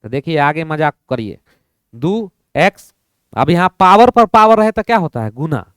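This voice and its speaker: A playful male maths teacher, walking through problems and acting out the students' replies himself. His voice is smooth and resonant, sitting a bit high for a man, and it sounds close and dry with no room echo. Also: very animated, normal speed, fairly bright tone. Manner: playful, acts out both sides of a dialogue. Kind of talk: lively classroom lesson.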